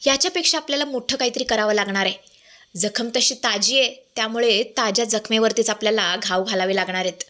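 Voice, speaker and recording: A woman's voice: fairly high pitch, brisk, sharp tone. A woman voicing a scheming middle-aged mother who bosses her daughter around in a condescending tone. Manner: commanding, condescending.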